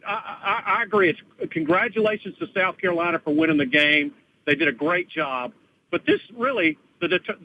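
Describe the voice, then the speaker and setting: A man's voice: sits high, pushed and bright, a little hiss or hum, poor audio. A man from Alabama, a radio show caller, arguing bluntly and combatively and talking over the host in a heated sports call-in.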